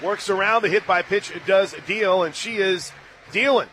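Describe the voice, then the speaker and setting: Faint music and a ballpark crowd murmur behind a live radio play-by-play call made by an American man in a stadium booth. His voice sits high and fairly bright, and he keeps a moderate pace.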